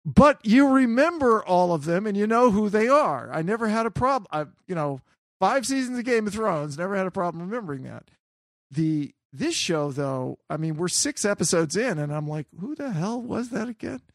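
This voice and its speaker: A man's voice: sits high, expressive, moderate pace, dry recording, clean studio sound. A man co-hosting a podcast in casual chat, rambling with restarts and swearing. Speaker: podcast co-host.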